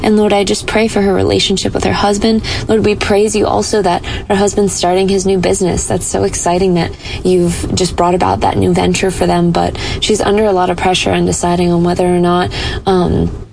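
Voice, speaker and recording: A woman praying aloud for a listener in an earnest, gentle way, pausing often with small fillers. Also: medium pitch, level tone, creaky, slight background noise, poor audio. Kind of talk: spoken prayer.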